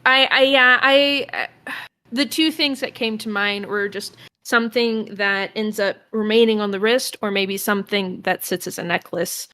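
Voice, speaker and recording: A woman's voice: mid-range voice, steady tone, moderate pace, pushed and bright. A woman playing a tabletop role-playing game, chatting casually and rambling with lots of fillers. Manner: rambling, with many fillers and restarts.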